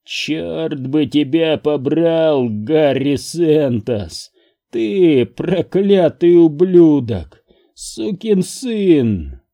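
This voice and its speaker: A man's voice: medium pitch, sing-song, drawn-out words, dark tone, heavily acted. A man reading an audiobook, voicing a dead woman's spirit who speaks through an entranced man, pleading and tearful. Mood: raging. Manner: pleading, tearful, rising to fury.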